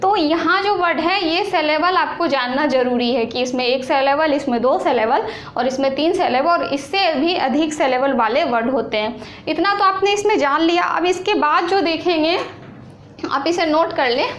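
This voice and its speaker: A woman teaching an exam-prep lesson, explaining slowly and repeating points, asking questions and answering them herself. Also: high-pitched, fairly bright tone. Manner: slow, repetitive explaining with questions to students. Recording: echoey room with faint noise.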